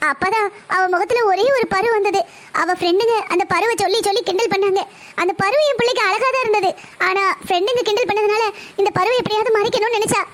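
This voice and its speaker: A woman's voice: very high-pitched, fast talker, a bit bright, slight background noise. A woman voicing a distraught middle-aged mother in a cartoon, talking in a tearful, pleading way. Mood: sorrowful. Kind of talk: cartoon voice acting.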